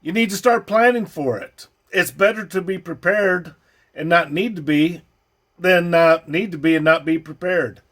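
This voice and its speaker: A man's voice: high voice, moderate pace, a bit bright. A man hosting a reaction video, commenting on a clip in a blunt, scornful, lecturing way.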